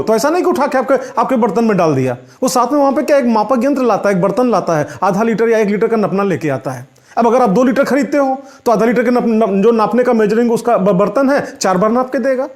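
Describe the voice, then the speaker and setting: A very high-pitched man teaches physics. He explains step by step and keeps checking in with the class through rhetorical questions. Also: expressive, fast.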